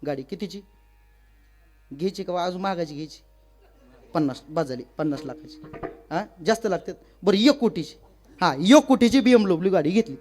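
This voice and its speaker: A man preaching a comic devotional sermon, telling stories and acting out village women in a high wailing voice. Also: expressive, brisk, long pauses, darkish tone, faint music behind. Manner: addresses listeners as maharaj. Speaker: kirtan preacher.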